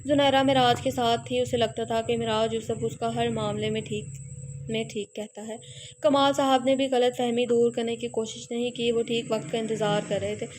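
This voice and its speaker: A woman's voice: fairly high pitch, little pitch movement, moderate pace, background noise. A woman narrating a romance novel aloud, reading every character herself with small restarts along the way.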